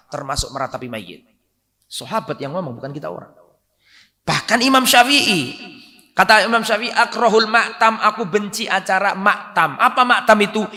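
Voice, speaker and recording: A high, bright-voiced man delivers a sermon in a hall with a long echo. He hammers his points with loud bursts and then sinks to quiet, low asides. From Indonesia. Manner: emphatic, rising to loud stress then dropping low. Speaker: preacher. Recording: echoey hall reverb.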